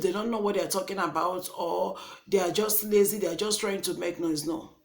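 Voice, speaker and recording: Impassioned young Nigerian woman vlogging. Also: medium pitch. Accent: Nigerian English. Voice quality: earnest, repetitive restarts. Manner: passionate, indignant. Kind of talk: impassioned vlog monologue.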